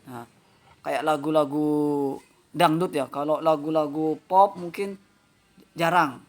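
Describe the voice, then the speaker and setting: A man's voice: fairly high pitch, steady tone, takes it slowly. A man teaching a vocal music lesson to pupils, chatty and peppering his talk with little fillers. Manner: chatty, fills with "nah" and "ya". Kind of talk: online class lesson.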